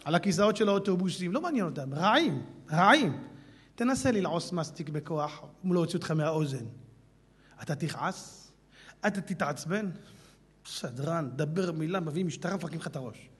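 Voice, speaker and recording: A man, a rabbi, preaching a fiery sermon to a hall audience, swinging from low mutters to shouting and mixing Talmudic Aramaic with street slang. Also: lively intonation, breathy edge. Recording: long hall reverb.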